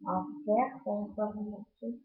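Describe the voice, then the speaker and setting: A woman's voice: mid-range voice, steady tone, moderate pace. A woman talking casually at home in a show-and-tell vlog, hesitant and rambling, with many fillers. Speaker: vlogger. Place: at home, late at night. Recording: tinny phone-like, echoey room, faint noise.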